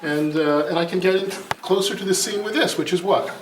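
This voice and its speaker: Speaking fairly quickly in a high voice, a man runs an informal live product demonstration, exclaiming often and slipping into distracted side remarks. Clattering, room noise and echo surround the distant microphone.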